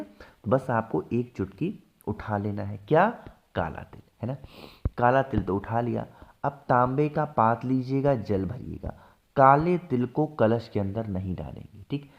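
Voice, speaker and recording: A man teaching household ritual steps, often asking a question and then answering it himself, slowing down to stress key steps. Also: mid-range voice, dull audio. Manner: asks and answers his own questions. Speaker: religious ritual instructor. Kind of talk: devotional how-to teaching.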